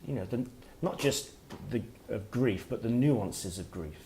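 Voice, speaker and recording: A middle-aged man, an author giving a workshop talk, speaking in a reflective, halting way as he thinks aloud. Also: on the low side, lively intonation, mellow, slight background noise. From Wales. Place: workshop room with listeners.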